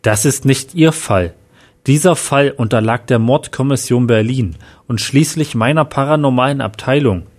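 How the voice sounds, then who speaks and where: A man's voice: mid-range voice, normal speed, darkish tone, close to an everyday voice. Man reading as a stern paranormal investigator.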